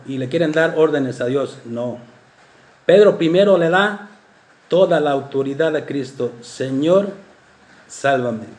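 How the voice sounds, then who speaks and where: Dramatic preacher in an echoey room. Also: male voice. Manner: dramatic, swings from loud exclamations to soft low asides. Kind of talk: sermon talk.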